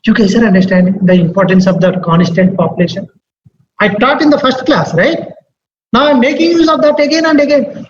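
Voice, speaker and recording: A man with a very high voice and a Telugu Indian accent teaches maths to a class. He repeats himself and keeps asking questions to check in. The sound is dull and very echoey, with faint noise. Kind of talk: live classroom maths lecture.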